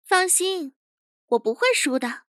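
A woman's voice: very high voice, animated, measured pace, a bit bright, dry recording, clean studio sound, pitched above the performer's own voice, full character voice. A woman voicing a proud, touchy young male interrogation chief with a cocky manner, in an audio drama. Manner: cocky, confident.

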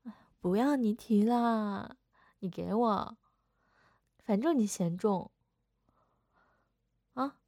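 A woman's voice: mid-range voice, a little slow, long pauses, warm tone, dry recording. A young woman voicing a playful older sister in a second-person audio role-play, whining and teasing coquettishly.

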